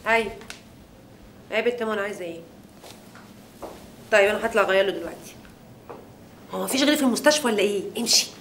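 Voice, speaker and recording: An actress playing a coy, teasing young nurse with an Egyptian Arabic accent, in a TV drama. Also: female voice, mid-range voice, fast talker, pauses often, background noise, close to an everyday voice.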